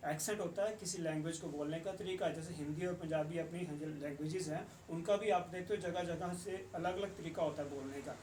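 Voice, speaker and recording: A man teaching English in a patient, explanatory way, slowing down for English phrases. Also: a little high, darkish tone, slight background noise. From Punjab. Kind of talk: explanatory lesson. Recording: echoey, distant room mic with faint ambience.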